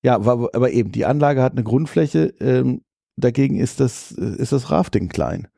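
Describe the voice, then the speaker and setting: Gravelly low-toned man, opinionated chat. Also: lively intonation, normal speed, mellow, no room sound, clean studio sound. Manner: opinionated, critical, with many fillers. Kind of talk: casual chat about theme parks.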